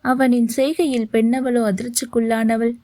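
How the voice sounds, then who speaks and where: A woman narrating a romance novel for an audiobook, in a steady storytelling manner. Her voice sits high for a woman. The sound is dry and close with no room echo. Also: normal speed. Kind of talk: scripted narration.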